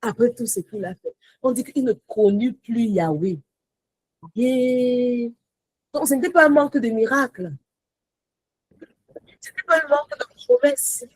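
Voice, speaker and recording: A woman teaching a Bible study in a lively, animated way, mixing in English phrases, sometimes near-shouting with joy, then dropping low and soft. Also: a little slow, pauses often, no room sound, rough recording. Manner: rises to joyful near-shouts, drops to soft low asides.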